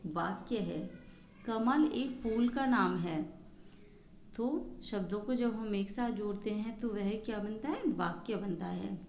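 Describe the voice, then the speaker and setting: Slow, patient woman teacher in an echoey room. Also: medium pitch, creaky, darkish tone. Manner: slow, patient, spells out words and repeats answers. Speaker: school teacher. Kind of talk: recorded Hindi class lesson for young children. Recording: echoey room, faint background noise.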